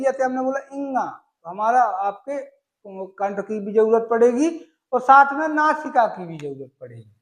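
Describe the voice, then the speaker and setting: A man's voice: very high voice, a bit bright, reverberant, poor audio. A male Sanskrit teacher from gives an exam-prep lesson, using homely examples and asking and answering his own questions.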